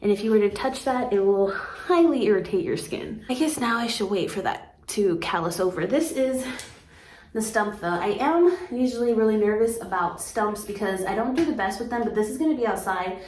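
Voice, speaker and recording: A woman chatting casually to camera as a houseplant vlogger, excitable and talking to her plant. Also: mid-range voice, normal speed. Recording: echoey room with faint background noise.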